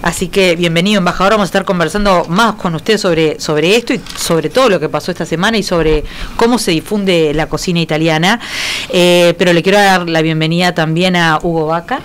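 Uruguayan lady in her 40s hosting a studio chat, lowish voice, bit of room hiss. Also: brisk. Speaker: host. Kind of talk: radio interview hosting. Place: indoor studio. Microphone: studio mic on stand.

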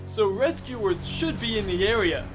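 A man voicing a bumbling, boastful ship captain in a comedy machinima, talking in an excitable, rambling way and breaking into yelps. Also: sits high, a little slow, over music. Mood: fussy.

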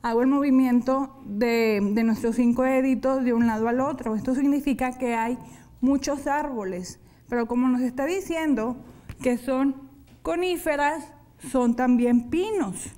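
A woman teaching sign language in a televised class, explaining each hand sign slowly, step by step. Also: high voice, dark tone.

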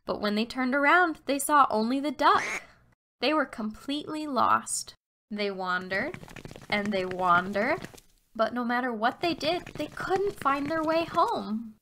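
A woman narrating a children's fairy tale expressively, slowing down for emphasis. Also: high voice, animated, bright, forceful tone, a little hiss or hum.

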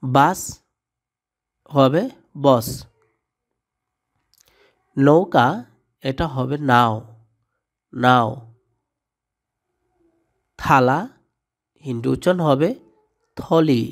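A man's voice: mid-range voice, extremely slow, long pauses. A man teaching a vocabulary lesson, saying each word and its translation and then repeating the pair. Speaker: language tutor.

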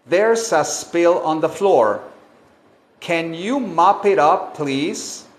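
Slow, patient male English teacher. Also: on the high side, animated. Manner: repeats phrases slowly, explains in Spanish. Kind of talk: bilingual language lesson. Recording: echoey room.

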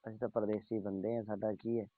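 A man's voice: lowish voice, level tone, quick pace, no room sound. A man on a phone call, coaxing and pleading with the woman he is calling. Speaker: caller. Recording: tinny phone line.

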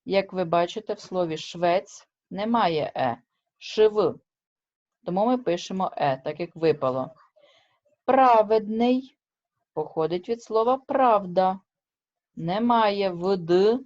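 Slow, careful woman teacher. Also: medium pitch, darkish tone, dull audio. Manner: slow, careful, stresses and drawls example words; checks with students by asking short questions. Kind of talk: remote classroom lesson.

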